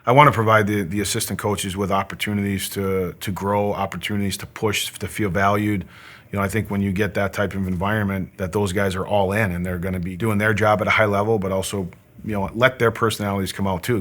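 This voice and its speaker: A man, a hockey coach, giving a measured, even sit-down interview about how he works. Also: low-pitched. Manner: measured and even, explaining his routine.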